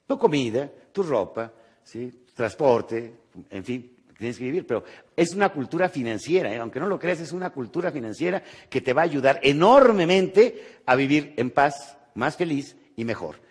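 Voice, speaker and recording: A Mexican man giving a motivational lecture, animated and rhetorical, tagging his points with quick questions to the audience. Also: medium pitch, breathy edge. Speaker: motivational speaker.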